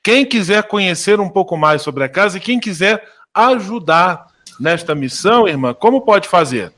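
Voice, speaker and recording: A man hosting a radio interview, speaking clearly and repeating details for listeners. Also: sits high, lively intonation, moderate pace, a bit bright. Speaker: radio show host.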